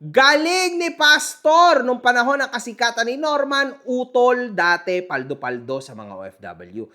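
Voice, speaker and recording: Mocking, animated man. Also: very high-pitched, unhurried. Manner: mocking, animated, swears, keeps addressing viewers. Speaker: online commentary host. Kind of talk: gossip commentary vlog.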